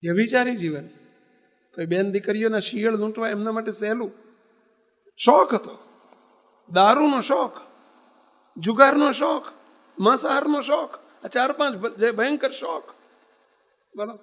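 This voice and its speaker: A man's voice: extremely high pitch, a little slow, long pauses, a bit bright. A man preaching, telling a story in an emphatic sermon manner and throwing rhetorical questions at his listeners. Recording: long hall reverb.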